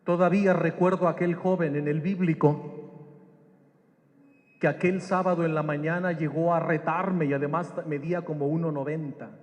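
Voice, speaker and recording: A man's voice: a little high, steady tone, normal speed, a little mellow, long reverb tail. A man preaching a sermon, telling personal anecdotes and asking his audience questions. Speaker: preacher and Bible teacher. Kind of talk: storytelling sermon.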